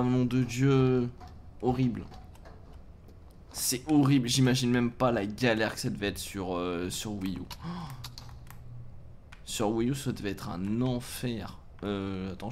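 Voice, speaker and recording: A man streaming live as he plays a game, reacting out loud, often swearing and groaning in frustration. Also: medium pitch, slight background noise.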